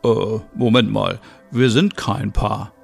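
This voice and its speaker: A man's voice: fairly low pitch, steady tone, slow pace, vocal fry, husky, soft background music, heavily acted. A man voicing a dry, skeptical young man in an audio soap opera, speaking in a wry, teasing way. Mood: protesting.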